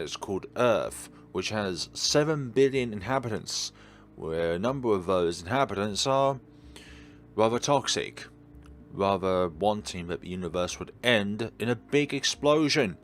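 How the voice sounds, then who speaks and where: A video game streamer doing a let's-play reads aloud and adds his own musing, rambling commentary. His voice is on the low side, with a little hiss or hum, and faint game music plays in the background.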